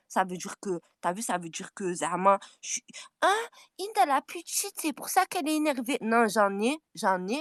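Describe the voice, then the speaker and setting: A woman on a furious, taunting rant, repeating her challenges and swinging between yelling and low, menacing mutters. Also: dry recording, clean studio sound. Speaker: social media personality. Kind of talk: angry direct-to-camera rant.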